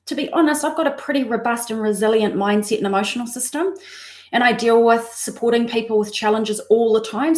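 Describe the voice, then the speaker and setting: Reassuring woman coach in an echoey room. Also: fairly high pitch. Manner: reassuring, checks in with "okay?". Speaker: mindset coach. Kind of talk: guided breathing live stream. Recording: roomy echo.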